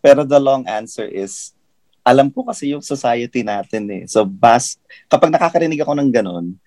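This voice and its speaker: A man's voice: medium pitch, animated, normal speed, darkish tone, no room sound. A man, a podcast guest who trains people in English, talking in casual Taglish and explaining pronunciation carefully.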